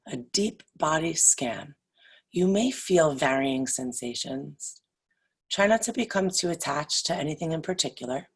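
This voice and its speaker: This is a low, breathy-rough female voice leading a yoga nidra meditation. Long pauses fall between her short phrases as she speaks very slowly and with deliberation, calm and instructive from start to finish.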